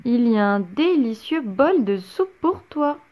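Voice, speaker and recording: Woman doing a gentle worried mom. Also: fairly high pitch, very animated, measured pace. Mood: caring.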